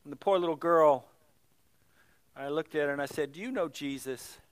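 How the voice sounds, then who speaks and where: A middle-aged male pastor telling stories in a sermon, swinging from loud exclamations to hushed, near-whispered moments. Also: on the high side, moderate pace, no room sound.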